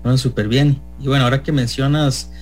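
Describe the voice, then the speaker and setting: A man hosting a radio show, chatting quickly with filler words while interviewing a guest. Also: medium pitch, steady tone, faint music behind. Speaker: radio host.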